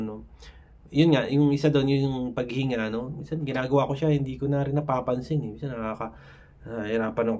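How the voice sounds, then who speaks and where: Rambling man giving casual advice. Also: mid-range voice. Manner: rambling, fillers, frequent tag questions. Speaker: vlogger sharing anxiety tips. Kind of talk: casual talk to camera.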